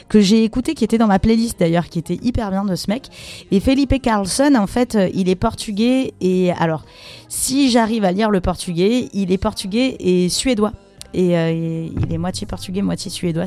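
A woman's voice: lowish voice, dark tone. A woman hosting a radio music show, chatting casually between tracks with frequent hesitations. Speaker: radio host.

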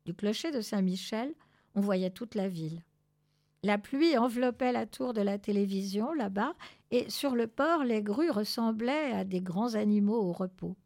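Storyteller, woman, expressive measured read-aloud, slight fry. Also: mid-range voice. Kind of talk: reading a children's novel aloud.

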